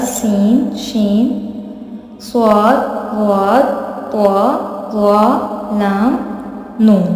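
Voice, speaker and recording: A woman teaching a lesson patiently. She repeats each point, checks in with the listener, and slows down to draw out recited examples. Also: on the high side, dark tone. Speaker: tajweed teacher. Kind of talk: explanatory lesson. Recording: echoey room with long reverb.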